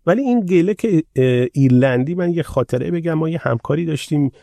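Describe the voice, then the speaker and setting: Mellow-voiced male podcast host, dry sound. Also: a little high, lively intonation, creaky, no echo. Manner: conversational, tells anecdotes, reads out listener questions. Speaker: podcast host reading listener comments. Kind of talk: casual podcast chat.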